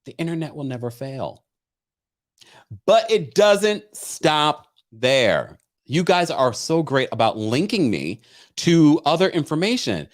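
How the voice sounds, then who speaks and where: A man's voice: fairly high pitch, very animated, takes it slowly. A man hosting a recap show, talking casually and gossipily to viewers, theatrical and emphatic, repeating phrases for effect. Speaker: host of reality TV recap show.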